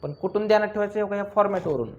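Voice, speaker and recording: High-voiced teacher drilling a class. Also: male voice, racing, lo-fi sound. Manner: asks the class constant questions, teasing and drilling. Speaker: accounts teacher. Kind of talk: classroom lecture.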